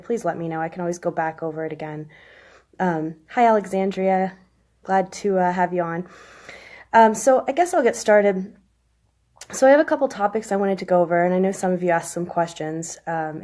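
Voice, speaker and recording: Woman in her 30s w/ a chest cold, lowish raspy smoker's voice, chatting casually on a phone livestream. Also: darkish tone. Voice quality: hoarse smoker's rasp. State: chest cold, coughing and clearing throat. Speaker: live stream host, tarot reader. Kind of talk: casual explanatory live stream talk.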